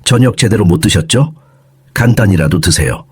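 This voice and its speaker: Caring, polite uncle in an audio story, read by a man; husky and low. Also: animated, normal speed, no room sound, studio quality.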